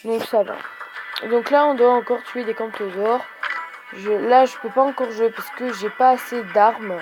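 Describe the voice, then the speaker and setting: High-voiced young woman rambling over a game. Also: normal speed, over music. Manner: chatty, rambling, many hesitations; excitable, bursts out when she wins. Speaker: gaming video host. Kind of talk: casual mobile game commentary.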